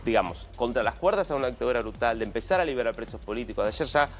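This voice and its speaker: An Argentine man on a news panel delivers emphatic, indignant commentary. His voice sits at an everyday middle pitch. Faint music plays behind him. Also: lively intonation, rapid-fire. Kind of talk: studio news discussion.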